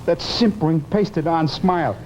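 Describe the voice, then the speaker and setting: A man's voice: on the high side, moderate pace, a little mellow, lightly acted. An actor playing a haunted, guilt-ridden man confessing his fear of death, intense and brooding in the manner of 1950s television drama. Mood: haunted dread. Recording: muffled, noisy old television soundtrack.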